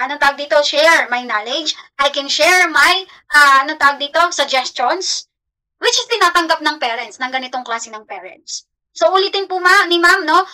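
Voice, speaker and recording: A Filipino woman teaches a class with a very high, bright voice. She mixes Tagalog and English and keeps checking in with her students as she explains. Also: rough recording. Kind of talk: classroom lecture.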